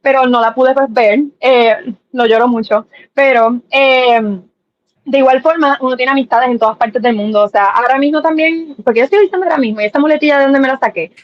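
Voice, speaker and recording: A young Puerto Rican woman chatting on a live stream, animated, dropping English words and acting out quotes. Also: high-pitched, a little fast, no room sound, lo-fi sound. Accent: Puerto Rican Spanish. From Puerto Rico. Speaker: former pageant contestant, guest.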